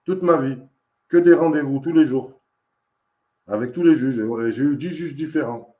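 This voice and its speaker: A man's voice: mid-range voice, moderate pace, mellow, echoey room. A man giving a casual, emphatic testimony as an interviewee, telling his story in a repetitive, insistent way. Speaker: interviewee, father in dispute with social services.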